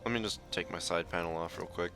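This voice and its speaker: A man's voice: low-pitched, quick pace, gravelly, over music. A man streaming a video game in casual chat, playful and giggling often.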